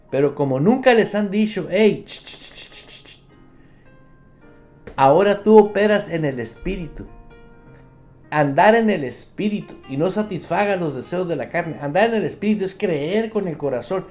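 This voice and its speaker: A male pastor delivers a radio sermon in an unhurried, deliberate way, leaning hard on key words. His voice sits slightly high for a man. Faint instrumental music plays behind him. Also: a little mellow. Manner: emphatic preaching, acts out believers' complaints; addresses listeners directly as brother.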